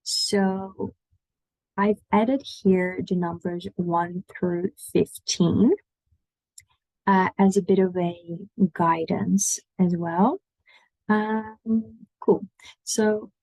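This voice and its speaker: A woman's voice: mid-range voice, steady tone, drawn-out words, darkish tone, dry recording, poor audio. A woman giving an online language lesson, patiently explaining pronunciation and inviting the listener to repeat after her. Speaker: language teacher.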